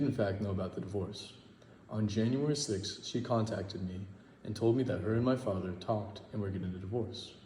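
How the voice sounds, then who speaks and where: Low-voiced teenage young man, matter-of-fact. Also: warm tone, echoey room, in a large hall, slight background noise. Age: late teens. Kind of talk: direct-to-camera statement.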